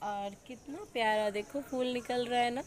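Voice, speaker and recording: A woman's voice: on the high side, normal speed, slight background noise. A woman from Uttar Pradesh, India, a vlogger and mother, chatting casually to her viewers at home. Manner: chatty, speaks straight to viewers. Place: family home.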